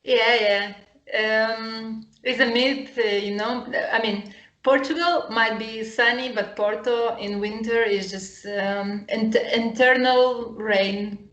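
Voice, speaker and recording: A woman of thirty from Lithuania, a guest chatting casually over a call and often pausing to search for English words. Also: on the high side, steady tone, a bit bright, lo-fi sound. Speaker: guest, upcycling designer and potter. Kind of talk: casual chat. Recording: roomy echoey sound.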